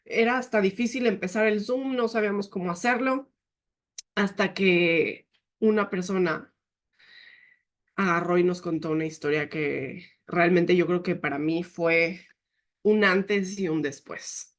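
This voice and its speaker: A woman's voice: on the low side, a little slow. Lady telling her team a personal story, earnest and emotional, quotes people a lot. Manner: often quotes herself and others. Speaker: team leader giving a leadership talk. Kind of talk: personal testimony talk.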